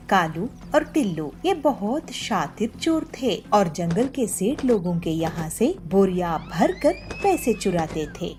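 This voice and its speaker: A woman narrating a children's cartoon story in an expressive storytelling manner. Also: mid-range voice, a little hiss or hum.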